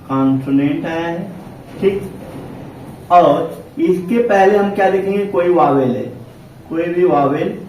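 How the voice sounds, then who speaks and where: A man's voice: sits high, a little mellow. A man teaching an English pronunciation lesson in a classroom, repeating "okay" often and asking and answering his own questions. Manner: repetitive, checks in with "ठीक है" constantly, asks and answers own questions. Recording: very echoey room, distant mic, faint noise.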